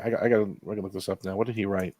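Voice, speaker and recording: A man's voice: fairly low pitch, level tone, very fast, a little mellow, no room sound. A man co-hosting a casual watch-along chat, laughing easily and chatting loosely. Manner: laughs easily, chatty, looks things up aloud. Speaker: podcast co-host. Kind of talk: casual riff-track banter.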